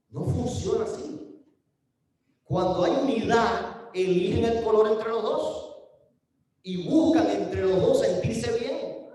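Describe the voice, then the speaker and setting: High-voiced Mexican pastor in echoey church. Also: male voice, a little mellow. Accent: Mexican Spanish. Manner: conversational, often asks the congregation questions. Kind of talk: sermon. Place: church sanctuary. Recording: very echoey hall from far off.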